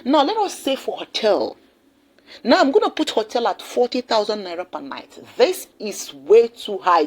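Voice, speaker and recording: A Nigerian woman hosts a direct-to-camera explainer, her pitch swinging widely as she stresses each point. She repeats herself for emphasis and keeps checking in with the viewer. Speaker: video host.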